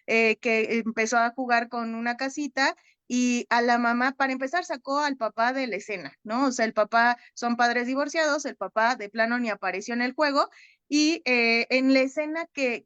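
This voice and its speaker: A woman's voice: on the high side, fairly bright tone, clear, resonant tone, dry recording, lo-fi sound. A woman, a psychotherapist, talking through a film in a discussion group, hesitant and often ending her points with a questioning tag. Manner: hesitant, frequent "¿no?" tags.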